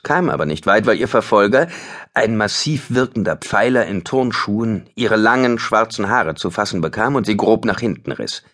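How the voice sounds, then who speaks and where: A man narrating a thriller audiobook in a tense, dramatic scripted reading. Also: on the low side.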